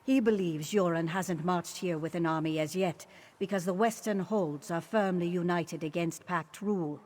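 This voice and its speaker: An actress voicing a dignified, shrewd fantasy queen in a video game, speaking in a formal, deliberate manner. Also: lowish voice, darkish tone, natural voice. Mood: grave, firm. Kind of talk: video game character dialogue.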